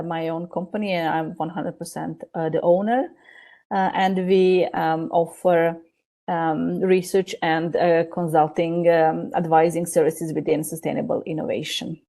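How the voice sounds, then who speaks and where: A woman's voice: fairly low pitch, vocal fry, warm tone. A woman from Croatia, a company CEO, speaking as a guest on a podcast in a polite, hesitant way with many fillers. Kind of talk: casual podcast conversation.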